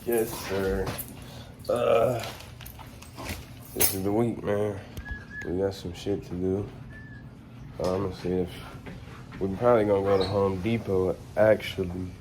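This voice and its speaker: A man's voice: low voice, steady tone, a little slow, pauses often. Slangy American man vlogging, noisy audio. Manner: informal, slangy, addresses viewers directly. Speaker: animal vlogger. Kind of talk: casual vlog chat to viewers. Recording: noisy on-location handheld vlog audio.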